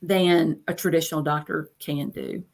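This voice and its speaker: Speaking at normal speed in a low, steady voice, a coach in her fifties chats about her experience being interviewed, repeating phrases to drive points home in casual storytelling.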